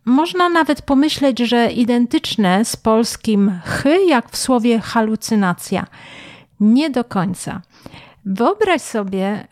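A woman teaching a language lesson, speaking slowly and carefully, repeating phrases as pronunciation drills. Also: on the high side, darkish tone, no echo, clean studio sound. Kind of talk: scripted lesson narration.

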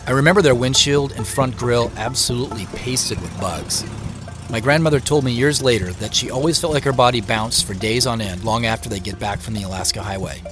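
Over music, an actor speaks briskly in a mid-range, everyday-sounding voice as a reflective, curious American in his forties. The scripted first-person story, set around a family mystery, comes from a Seattle man.

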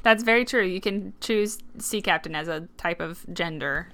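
A woman's voice: on the low side, moderate pace, pushed and bright. A woman co-hosting a casual podcast, talking in a wry, skeptical, amused way. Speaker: podcast co-host.

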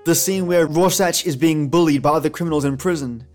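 A podcast host with a slightly high, a little mellow male voice delivers scripted narration and commentary at a fairly quick pace. He sounds like a theatrical storyteller, with guitar music playing behind him.

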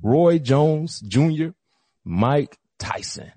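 Man, lively storyteller host, higher-pitched and husky, dry close sound. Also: drawn-out words, dry recording. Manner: animated storytelling, acting out quoted coaches. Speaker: podcast co-host. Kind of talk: casual sports chat.

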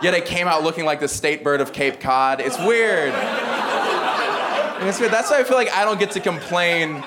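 Loud laughter from a live club audience and heavy background noise surround a young man from the American South, accentless, doing stand-up with dry jokes at his own expense. His voice is fairly high and he speaks at normal speed.

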